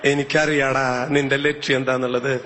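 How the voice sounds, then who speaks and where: A man preaching as a priest with a Malayali accent, telling stories in an animated way and breaking into high, shouted hallelujahs. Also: moderate pace. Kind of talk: sermon with anecdotes. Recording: long hall reverb, faint ambience.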